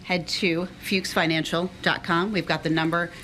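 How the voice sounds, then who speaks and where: A woman's voice: lowish voice, steady tone, moderate pace, a bit bright, slight background noise, poor audio. A woman presenting a sponsored TV interview segment as host, speaking to viewers and guest.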